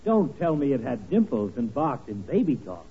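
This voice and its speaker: An actor playing a sardonic, theatrical American doctor in a 1940s radio comedy. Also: male voice, medium pitch, very animated, moderate pace. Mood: teasing. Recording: muffled, noisy 1940s radio recording.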